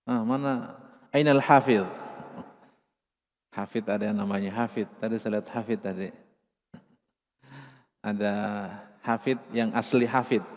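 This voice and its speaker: A man with an Indonesian accent teaching Quran recitation rules, patiently explaining and slowly chanting drawn-out example words. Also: lowish voice, long reverb tail. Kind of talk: tajwid lesson with chanted examples.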